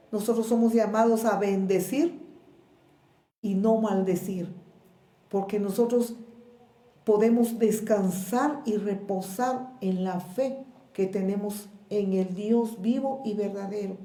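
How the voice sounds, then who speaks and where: Preaching in an echoey church room, a woman pastor with a Guatemalan Spanish accent speaks slowly and with measure, pausing and repeating words. Her voice is mid-range and mellow.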